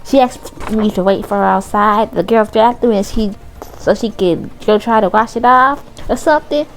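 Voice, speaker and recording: A woman's voice: medium pitch, moderate pace, lightly acted. A woman voicing a teenage boy football player in a mock Southern accent, casual and backpedaling as he answers questions. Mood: defensive.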